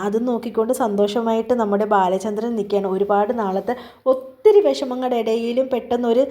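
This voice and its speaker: A woman hosting a recap channel runs through the day's serial episode at a quick clip. Her voice sits somewhat high for a woman, and her tone stays chatty as she quotes each character in turn. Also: dark tone. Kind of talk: casual retelling of a TV episode.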